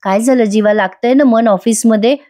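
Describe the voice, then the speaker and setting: A woman reading the lines of a fond young wife who anxiously checks on her husband by phone, in a mellow, fairly high voice. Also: moderate pace, close to an everyday voice.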